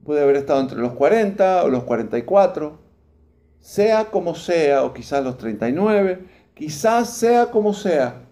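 A man's voice: a little high, mellow. A man over forty preaching a sermon, reading scripture aloud and putting questions to his congregation. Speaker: pastor.

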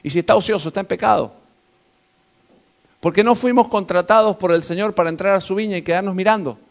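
A man's voice: high-pitched, fast, vocal fry. A male pastor preaching a sermon, exhorting his congregation with fervent, emphatic rises in his voice.

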